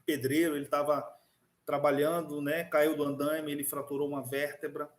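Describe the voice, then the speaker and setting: Fairly high in pitch with little movement, a man's voice keeps a moderate pace as he lectures an online class. His delivery is conversational and full of fillers and restarts, and he includes a personal story.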